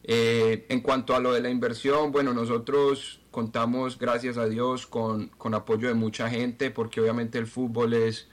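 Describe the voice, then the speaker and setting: Taking interview questions in the role of a football club president, this Colombian man stumbles along, circling back over words as he searches for them. The voice is mid-range and keeps a level tone.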